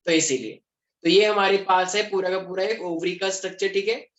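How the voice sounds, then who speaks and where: A man's voice: sits high, fairly even intonation, normal speed, a bit bright. A young man from Delhi teaching a class in a chatty, joking way, mixing in English terms. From Delhi, India. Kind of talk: classroom lecture. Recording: echoey classroom.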